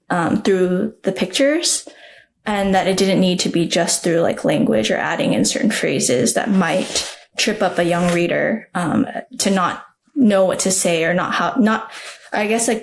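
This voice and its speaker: A young adult woman, a children's book author, talking in a podcast interview in a chatty, reflective way with many fillers. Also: lowish voice.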